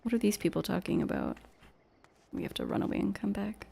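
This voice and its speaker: A woman's voice: medium pitch, wildly swooping pitch, a little fast, gravelly, dark tone, husky. A young woman streamer chatting casually while gaming, swearing and laughing at herself.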